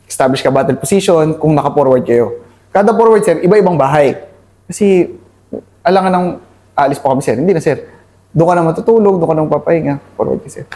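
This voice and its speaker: A fast-talking man with a high-leaning, dark voice, an army officer from Cavite, gives an earnest, candid interview. English words mix into his speech, and "sir" punctuates nearly every phrase.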